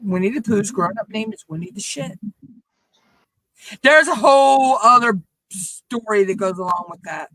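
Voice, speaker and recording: A woman's voice: a little high, expressive, moderate pace, fairly bright tone, no echo, poor audio. A woman chatting casually as the host of a livestream. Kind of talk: casual chat.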